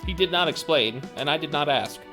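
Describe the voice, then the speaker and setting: A man voicing a polite, obedient robot helper in a tabletop game, speaking in a flat, emotionless, formal way. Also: fairly high pitch, a little fast, music in the background, natural voice. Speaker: game master.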